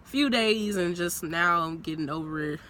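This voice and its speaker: A young woman in her twenties vlogs from a parked car into a phone propped on her purse, chatting, rambling, and laughing easily. Her fairly low, a little slow voice is bright but stuffy and nasal from a cold. A faint outdoor hum sits underneath.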